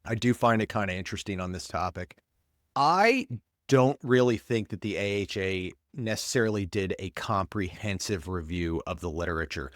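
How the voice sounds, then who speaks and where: A paramedic who hosts a podcast talks in a deep, congested, stuffed-up voice at a moderate pace. His casual commentary is rambling and blunt, and the recording is dry with clean studio sound.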